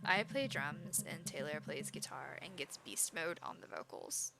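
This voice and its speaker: A woman's voice: low-pitched, expressive, a little slow, gravelly, over loud music, voice pushed down, exaggerated voice. A woman doing a laid-back party-boy drummer.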